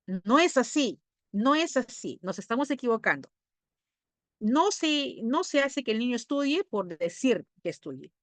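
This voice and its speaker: A woman with a fairly high voice and a Peruvian Spanish accent, recorded dry, is a child psychologist talking informally to parents. Her manner is conversational, she often adds "¿no?", and she briefly acts out parents and children.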